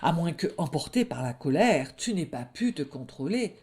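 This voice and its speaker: A woman voicing a naive, eager little male wolf cub who asks excited questions, in a storybook reading. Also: low voice, normal speed. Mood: dismayed.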